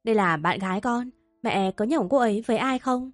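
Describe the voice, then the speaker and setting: A woman's voice: a little high, fairly quick, no echo, natural voice. A woman voices a devoted young man in an audio story, urgent and anxious as he asks and pleads. The delivery is close and dry, with faint music behind. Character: worried young man, devoted son and lover.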